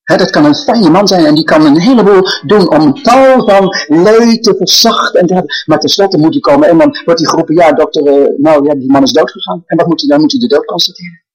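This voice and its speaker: A man's voice: on the high side, fairly quick, rough recording. An older man preaching a sermon, telling stories earnestly and building to emphatic proclamations.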